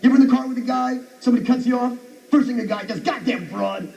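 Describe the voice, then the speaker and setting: Fast, ranting stand-up comedian, very high voice. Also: male voice, steady tone, vocal fry, dark tone, muffled recording. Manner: abrasive, ranting, sarcastic. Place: comedy show stage at a university. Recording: distant noisy live radio recording.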